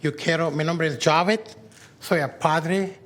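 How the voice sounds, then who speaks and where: A man from Afghanistan, a parent program graduate, gives public remarks in mixed Spanish and English to a commission at a public meeting, speaking into a podium mic. His high, fairly bright voice holds a steady tone at a measured pace, and he sounds earnest and upbeat, with self-corrections and translated asides.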